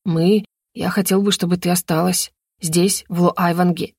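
Woman voicing a quiet stubborn young shaman. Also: little pitch movement, husky, dry recording, studio quality. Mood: earnest, halting. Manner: slow, low and soft-spoken.

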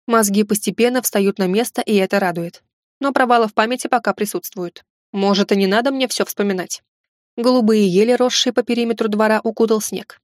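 A woman narrating a novel in an even, steady reading voice. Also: medium pitch, no room sound, studio quality. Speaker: audiobook reader.

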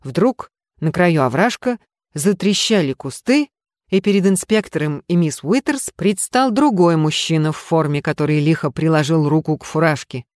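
A narrator giving a measured audiobook reading of a detective story. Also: mid-range voice, darkish tone, no echo, studio quality.

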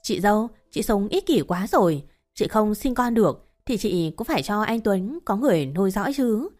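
A woman's voice: mid-range voice, expressive, normal speed, a little mellow, soft background music, natural voice. Woman reading a smug, sneering young mistress. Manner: sneering, condescending. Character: smug young mistress, mocking sister-in-law.

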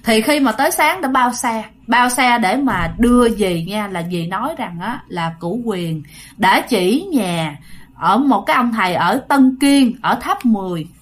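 A woman's voice: on the high side, expressive, a little slow. A woman, chattily narrating a ghost story and addressing listeners directly.

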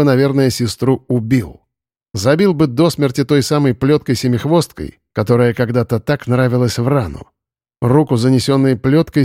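A man reads a novel aloud in steady, measured narration. His voice sits at an ordinary pitch. The recording is dry and close to the mic. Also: dry recording. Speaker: audiobook narrator. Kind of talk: scripted narration.

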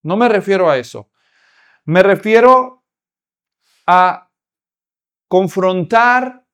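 A man preaching a sermon, often putting rhetorical questions to the congregation. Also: sits high.

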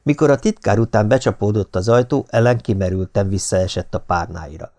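A man narrating an audiobook in a steady, measured reading voice. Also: lowish voice.

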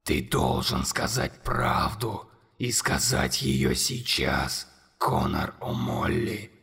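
A man voicing a huge, relentless monster in an audiobook, speaking in a low, slow, menacing whisper. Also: wildly swooping pitch, gravelly, fairly bright tone, breathy edge, in a large hall, full character voice.

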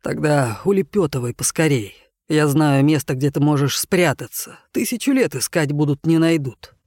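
A man's voice: fairly high pitch, animated, normal speed, a little mellow, no room sound, studio quality. A man reading as a stern, blunt wolf. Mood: conspiratorial. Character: stern, loyal grown wolf, gruff and blunt.

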